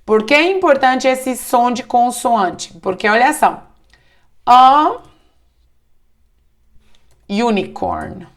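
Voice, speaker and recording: A woman teaching English grammar in a slow, deliberate way, often checking in with the listener. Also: fairly high pitch, lively intonation. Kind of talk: online grammar lesson in Portuguese.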